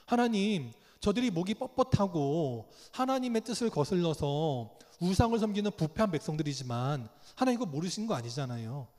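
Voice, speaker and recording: A man acting out a pleading man praying for his people, speaking slowly and earnestly. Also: a little high, big pitch swings, darkish tone. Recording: long reverb of a church hall.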